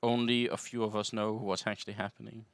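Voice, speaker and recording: A man commentating an esports match, relaxed and analytical, often chuckling between calls. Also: on the low side, fairly quick, creaky, dry recording. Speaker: esports caster. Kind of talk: play-by-play commentary.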